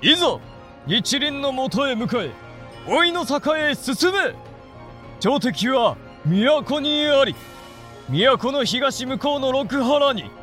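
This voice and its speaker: A man's voice: extremely high pitch, sing-song, takes it slowly, sharp tone, soft background music, full character voice. A man playing a proud samurai commander, proclaiming grandly to his army like a town crier in a period drama. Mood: rousing. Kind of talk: period audio drama acting.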